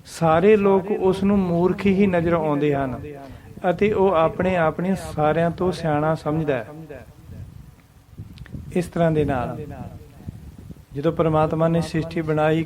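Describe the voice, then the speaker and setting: Guy teaching how to recite verses, kinda high voice, chants slow then explains, crowd chatter behind. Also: little pitch movement. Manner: mixes English words into his talk. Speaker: Sikh scripture teacher. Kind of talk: scripture pronunciation lesson.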